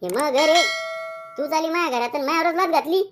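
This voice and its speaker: A loud, indignant village wife from a cartoon comedy, voiced by a man, scolding in a shrill Khandeshi Marathi accent. Her voice sits very high and sharp, and every line comes out as a complaint. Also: fast, background noise. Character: bossy village wife, second spouse returned.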